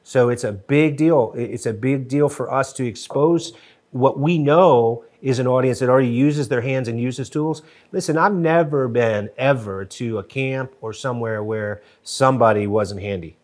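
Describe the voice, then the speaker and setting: A middle-aged man from Western Pennsylvania, a guest on a studio podcast, talking casually and animatedly with many restarts, recorded on a boom-arm mic. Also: normal speed. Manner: animated, gestures a lot, frequent restarts. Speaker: podcast guest, TV show co-creator. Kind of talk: casual interview chat. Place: wood-paneled podcast studio.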